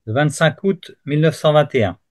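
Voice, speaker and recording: A man's voice: fairly high pitch, a little fast, a little mellow. Man reading devotional text steadily. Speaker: reader in prayer group. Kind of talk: reading a spiritual text aloud.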